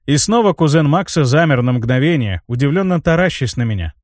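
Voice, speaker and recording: A man's voice: a little high, lively intonation, a little fast, no echo. Dry-voiced male audiobook narrator. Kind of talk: first-person fantasy audiobook narration.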